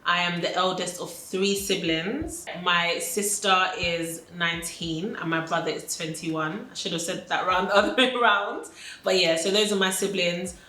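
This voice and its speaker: A woman's voice: lowish voice, fairly even intonation, moderate pace, pushed and bright. A woman in her twenties answering documentary interview questions in a reflective, casual way with many fillers. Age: 20s. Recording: echoey room with faint noise.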